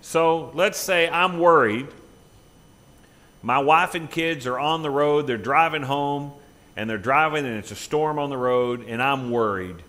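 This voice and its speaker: A man's voice: a little high, a little slow, fairly bright tone. A middle-aged man, a pastor, preaching a sermon in a church, conversational, with rhetorical questions and emphatic peaks. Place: church sanctuary.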